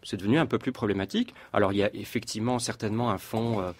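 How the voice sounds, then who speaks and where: A man's voice: lowish voice, racing. A male panel guest talking in a talk-show discussion with hesitant restarts.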